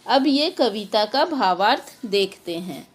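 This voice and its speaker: A woman's voice: mid-range voice, expressive, takes it slowly, breathy edge. A woman teacher patiently explaining a children's poem to pupils, slipping English words into her explanations. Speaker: school teacher.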